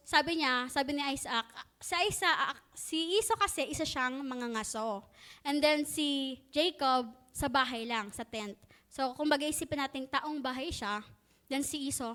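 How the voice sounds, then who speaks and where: High bright woman telling a Bible story. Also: unhurried. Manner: joking, chatty, retelling with asides. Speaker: Bible teacher.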